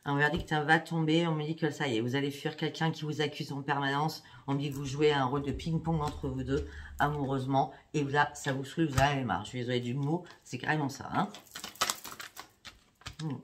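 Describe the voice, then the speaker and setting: Speaking fairly quickly in an extremely low-pitched voice, a psychic card reader chats through a tarot reading for her viewers. She keeps checking in with "hein" and "d'accord," over a constant background noise dotted with clicks.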